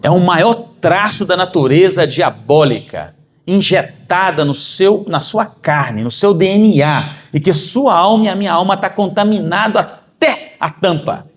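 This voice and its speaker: Animated Brazilian man preaching. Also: sits high, a little slow. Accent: Brazilian Portuguese. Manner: animated, rising to emphatic peaks; addresses congregation as brothers. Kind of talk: sermon. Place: church.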